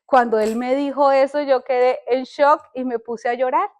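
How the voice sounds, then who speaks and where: An older woman and podcast host sharing a personal faith testimony, speaking earnestly and haltingly, often restarting her words. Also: high-pitched, steady tone.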